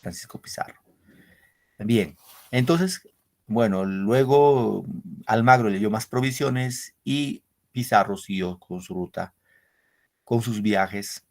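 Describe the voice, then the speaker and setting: A man's voice: on the low side, slow. A man teaching an online literature class, explaining step by step and often checking in with his students.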